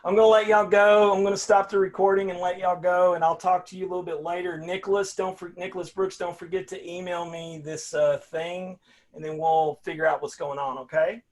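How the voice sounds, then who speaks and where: An older man with a drawl talks to his class in a folksy, meandering way, circling back and restarting his phrases. His voice sits a touch high for a man. It comes through a plain video-call microphone. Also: flat delivery, a little fast. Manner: folksy, rambling with frequent restarts. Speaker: college philosophy instructor.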